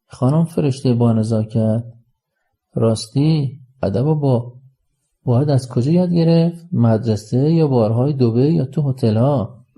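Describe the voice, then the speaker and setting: A man's voice: mid-range voice, warm tone, lightly acted. A man voicing a rude, mocking man at a restaurant, speaking sarcastically in an audiobook story. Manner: sneering, sarcastic. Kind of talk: audiobook character reading.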